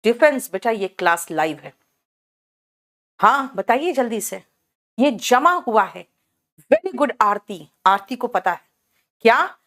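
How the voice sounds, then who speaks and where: Indian woman teacher, live english class online, talks slow, keeps repeating words for the students. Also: fairly high pitch, big pitch swings, a bit bright. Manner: drills words by repeating them, calls students by name.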